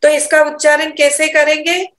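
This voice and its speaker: A woman teaching Sanskrit pronunciation for Vedic chanting, slowly demonstrating each syllable. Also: high-pitched, flat delivery, a bit bright, reverberant. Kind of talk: online pronunciation lesson.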